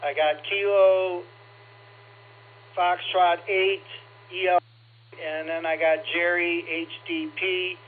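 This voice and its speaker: A man's voice: high voice, little pitch movement. Easygoing man over crackly ham radio. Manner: easygoing, frequent "uh" pauses, friendly trivia quizzing. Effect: heard over two-way radio with faint static. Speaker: amateur radio net control operator. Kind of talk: running an amateur radio check-in net. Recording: tinny radio transmission with faint static hum.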